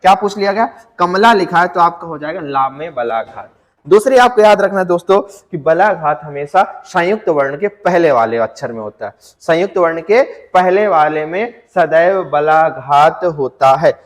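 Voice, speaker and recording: A male teacher giving an exam-prep grammar lecture, asking his students questions and answering them himself, and drawing out example words slowly to show stress. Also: fairly high pitch, expressive, in a large hall. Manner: addresses students as friends, asks and answers own questions.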